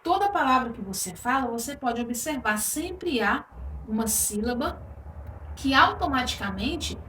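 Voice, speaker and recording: A woman's voice: a little high, lively intonation, measured pace, fairly bright tone. Female grammar teacher, patient and explanatory; roomy recording with faint hiss. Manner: explanatory, checks in with frequent "tá?" and "ok?". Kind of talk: online grammar lesson. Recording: echoey room, voice a bit far from mic, faint noise.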